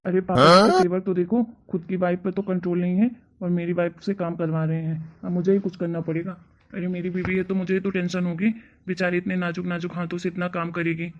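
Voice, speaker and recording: A man's voice: high voice, little pitch movement, brisk, lo-fi sound, lightly acted. A man voicing a whiny young son and husband in a cartoon story. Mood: indignant. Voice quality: whining. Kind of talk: cartoon voice acting.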